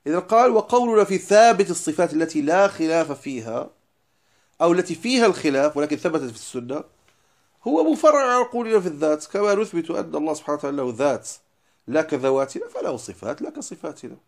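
Fast, emphatic male religious teacher. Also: on the high side, big pitch swings. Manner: emphatic, stresses single words then drops to quiet asides. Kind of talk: lecture explaining a didactic poem.

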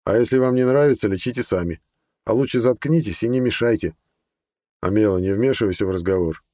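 A man's voice: fairly low pitch, brisk, mellow, dry recording, clean studio sound, natural voice. Grumbling old healer, voiced by a man. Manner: grumbling, scolding. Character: grumpy older male healer, sarcastic moralizer.

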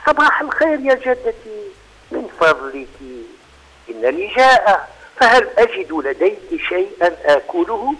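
A man voicing a small, hungry young male rabbit who pleads and gets excited. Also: high voice, normal speed, husky, exaggerated voice, low-quality recording. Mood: pleading.

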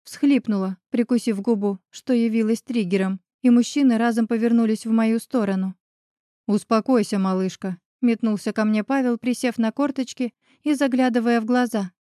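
A woman reads a first-person romance novel aloud, with an expressive, dramatic delivery. Her voice sits somewhat high. The recording is close and dry, with almost no room. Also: brisk, hardly any pauses, no room sound. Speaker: audiobook narrator.

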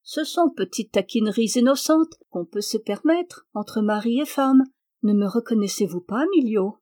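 A woman's voice: on the high side, normal speed, lightly acted. A woman voicing a young princess who teases her husband playfully. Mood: teasing. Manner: teasing, lively.

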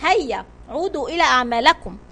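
A woman voicing a brave male sea captain who shouts commands in a children's storybook reading. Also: sits high, sing-song, fast, full character voice. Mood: commanding.

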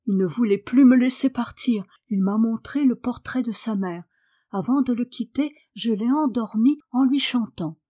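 A woman's voice: fairly high pitch, normal speed, mellow, natural voice. A woman voicing a willful young girl who speaks firmly and earnestly. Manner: firm, earnest.

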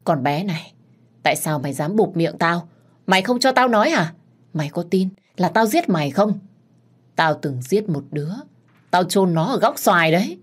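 A woman's voice: lowish voice, expressive, normal speed, slightly rough. A woman voicing a confused older woman who babbles and laughs wildly. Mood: deranged. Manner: babbling, cackling.

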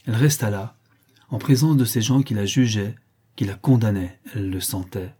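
A man narrating a classic novel as an audiobook, in a measured, expressive storytelling manner. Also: lowish voice, breathy edge.

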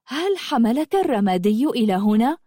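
A woman's voice: on the high side, lively intonation, normal speed, darkish tone, no room sound, studio quality. A woman doing a puzzled, wary young woman. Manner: questioning, apologetic.

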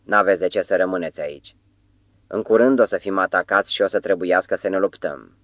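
A man's voice: sits low, a bit bright, dry recording. A man reading the lines of a stern leader of a mountain band, in a curt, commanding way.

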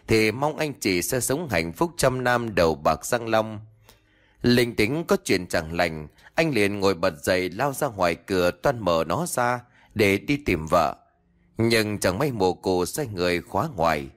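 A man narrating a ghost story dramatically. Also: on the low side.

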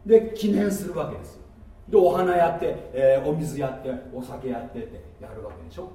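Male pastor, high and animated, emphatic sermon delivery, recorded from far off in a booming hall. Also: fairly quick. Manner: emphatic, asks the congregation questions. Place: church hall. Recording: echoey hall, mic set far off.

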